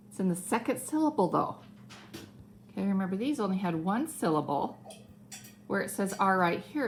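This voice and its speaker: A woman teacher giving a phonics lesson to young children, animated and full of mock surprise. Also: mid-range voice, gravelly, slight background noise.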